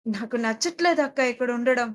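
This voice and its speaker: A woman's voice: a little high, a little fast, voice pushed down, close to an everyday voice. A woman voicing a sad young boy who pleads with his older sister in an audio story. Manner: pleading, heartfelt.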